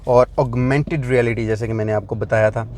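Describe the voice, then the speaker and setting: A man's voice: medium pitch, steady tone, a little mellow. A man doing a casual car review, explaining features as he demonstrates them and using plenty of fillers, recorded inside a large vehicle.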